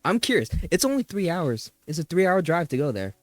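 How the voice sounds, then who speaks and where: Animated laughing male podcast host. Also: fairly high pitch, a little fast, no room sound. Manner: animated storyteller, laughing, swearing. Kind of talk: casual chat.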